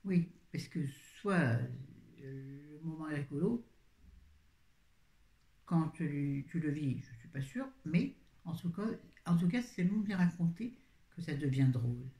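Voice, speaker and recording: A woman's voice: deep voice, expressive, measured pace, dark tone. Chatty rambling older woman, echoey room. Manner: chatty, rambling, easily sidetracked. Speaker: book reviewer. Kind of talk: casual live video chat. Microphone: phone.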